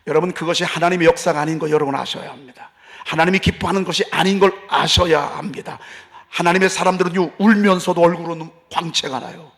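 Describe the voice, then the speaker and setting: A man preaching a sermon as pastor, passionate, moving from hushed talk to loud outbursts. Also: on the high side, fairly even intonation, fast. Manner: impassioned, swings from hushed to shouting.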